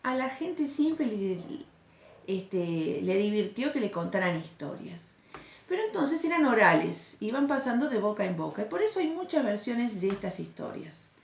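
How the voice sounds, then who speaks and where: A woman's voice: medium pitch, very animated, moderate pace, creaky. A woman teacher, patiently explaining a recorded lesson and checking in with the class through questions. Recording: echoey room, faint background noise.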